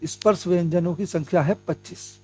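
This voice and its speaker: A man's voice: high-pitched, a little fast, dark tone. A young man teaching Hindi grammar for an exam, addressing viewers as friends and explaining step by step, asking questions and answering them himself. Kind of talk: exam-prep lesson.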